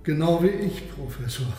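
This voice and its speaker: An actor playing a proud, embittered submarine captain in a radio play, speaking with formal, grandiose courtesy and melancholy. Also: male voice, a little high, mellow. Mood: bitter, melancholy. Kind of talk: German radio play acting. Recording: very echoey room, faint noise.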